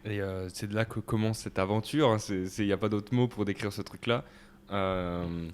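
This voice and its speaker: Relaxed young man hosting, low voice. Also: normal speed, clean tone. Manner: relaxed, joking, many fillers. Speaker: podcast host. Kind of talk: casual conversation.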